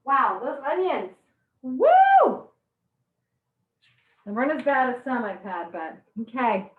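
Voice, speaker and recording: A woman's voice: on the high side, expressive, normal speed, reverberant, narrow, tinny audio. A woman teaching a live online cooking class, chatty and bubbly, teary-eyed from chopping onions. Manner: bubbly, chatty, laughs at her own jokes.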